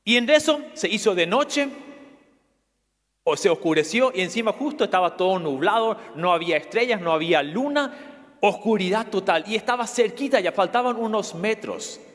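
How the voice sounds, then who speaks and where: A man's voice: sits high, lively intonation, moderate pace, a bit bright. A man preaching a sermon in a church, telling stories dramatically with quiz asides. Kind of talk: sermon storytelling. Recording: long church reverb.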